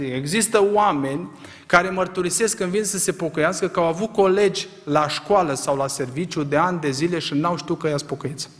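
Emphatic preacher in a long-echoing hall. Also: male voice, high-pitched. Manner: emphatic, rhetorical questions, swings from quiet to loud. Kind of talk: sermon.

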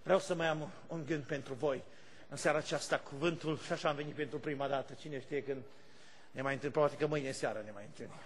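High-voiced guy pastor preaching hard, shouts praise then goes quiet telling stories. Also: a little hiss or hum. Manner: fervent, swings from shouted praise to quiet storytelling. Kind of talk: sermon.

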